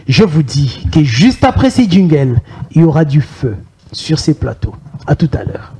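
A man hosting a TV talk show in a studio, brisk and announcer-like. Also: a little high, sing-song, background noise. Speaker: host.

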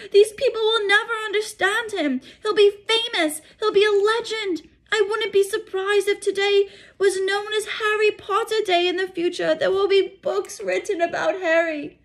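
A woman's voice: steady tone, normal speed, few pauses, fairly bright tone. A woman voicing an agitated, incredulous older witch professor in a storybook read-aloud, speaking emphatically. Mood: indignant. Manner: incredulous, emphatic, high-strung.

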